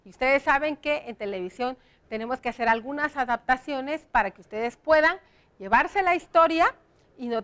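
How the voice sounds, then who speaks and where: A woman teacher with a noticeably high voice leads a lesson for young pupils on educational television. She explains patiently and step by step, checking in with the children through frequent rhetorical questions. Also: a bit bright. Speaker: primary school teacher on educational TV.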